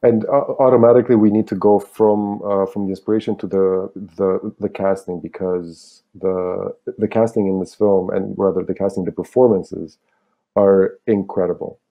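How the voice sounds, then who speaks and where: Low-voiced interviewer, dull lo-fi sound. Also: male voice, level tone, normal speed. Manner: hesitant, many restarts. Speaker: festival programmer interviewer. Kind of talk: interview questions.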